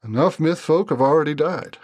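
A man doing a calm soft-Texan young man. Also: on the high side, no echo, voice pushed up, lightly acted. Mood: firm. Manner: calm, polite, measured.

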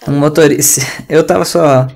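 A man's voice: on the high side, steady tone, moderate pace, gravelly, darkish tone. A man with a Brazilian Portuguese accent teaching an online English class in a chatty, slangy, ranting way over a video call.

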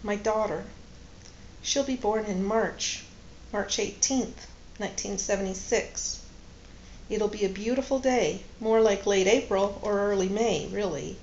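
In an echoey, slightly dull recording with slight background noise, a woman with a natural, mid-range voice reads a novel aloud at a measured pace. She voices a composed, grieving woman in her thirties in audiobook-style dialogue. Her delivery is quiet, restrained, and sorrowful, tearful at times.

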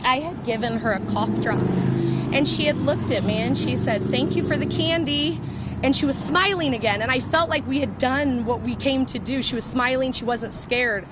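A woman's voice: a little high, moderate pace. A woman in a news interview, earnestly retelling what happened. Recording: field recording with street noise. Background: street and traffic noise.

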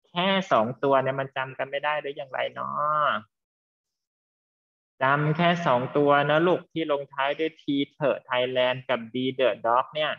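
A man teaching an English class online, quizzing students and explaining slowly and patiently over a video call. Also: medium pitch, fairly even intonation. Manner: patient, drawn-out explaining, calls students "child". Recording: slightly dull lo-fi sound.

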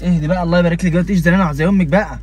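A man's voice: high voice, fairly even intonation, racing, darkish tone. A young man with an Egyptian Arabic accent, talking casually and sounding exasperated, repeating his questions. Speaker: vlogger husband. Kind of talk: casual vlog conversation.

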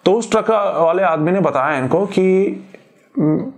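A man's voice: high-pitched, normal speed. A man from India casually retelling a listener's ghost story, thinking aloud with frequent fillers and restarts. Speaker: horror story narrator. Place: Delhi.

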